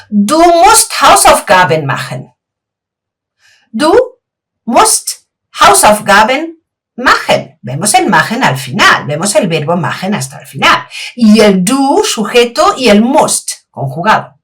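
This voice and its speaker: A woman teaching a language lesson, patiently repeating example sentences and asking the listener questions as she explains. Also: mid-range voice. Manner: asks rhetorical questions to the learner. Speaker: German teacher. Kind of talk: slow, clear language lesson.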